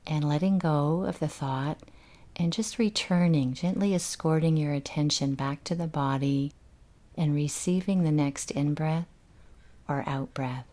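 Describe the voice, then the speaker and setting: In this guided meditation, a woman with a low voice speaks calmly and unhurriedly. Long pauses separate her soothing instructions.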